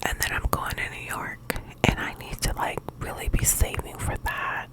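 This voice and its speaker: A woman speaking in a hushed, breathy whisper, quiet as if late at night, rambling casually in halting phrases like a personal ASMR chat. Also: poor audio. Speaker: ASMR video host.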